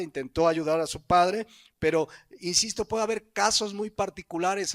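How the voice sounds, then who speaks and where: A pastor with a Mexican Spanish accent preaching a sermon. His voice sits high for a man, and he teaches in a conversational way, turning often to the listeners with rhetorical questions.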